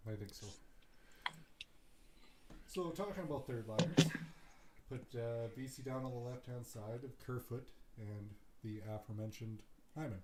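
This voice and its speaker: A man co-hosting a casual hockey podcast, giving relaxed, opinionated takes with plenty of ums and uhs. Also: mid-range voice, normal speed, pauses often. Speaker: podcast co-host. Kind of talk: casual sports chat. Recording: echoey room with background noise.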